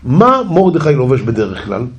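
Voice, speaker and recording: A scheming royal adviser, male and panicky, as a man puts him on, rushes his words in a husky, wheedling voice. His pitch leaps about as he bargains and plots in this comic storybook telling. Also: very animated, dull audio.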